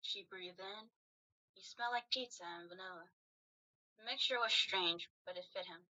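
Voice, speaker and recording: Bright-voiced woman reading a fan story. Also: medium pitch, moderate pace. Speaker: host. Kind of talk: reading fanfiction aloud. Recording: dull lo-fi recording.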